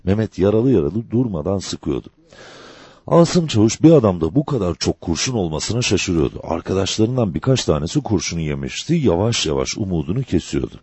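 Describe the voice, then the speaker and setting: A man reading a dramatic novel aloud as an audiobook narrator, in an expressive storytelling manner. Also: low voice, fairly quick, husky, no room sound.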